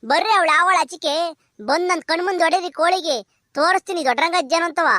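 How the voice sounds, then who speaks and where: Shrill quarrelsome old village granny for a cartoon comedy, a woman voices her; rural Karnataka Kannada accent, bright piercing tone. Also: fast, no room sound, studio quality. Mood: angry scolding. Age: older. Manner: shrill scolding, threatening.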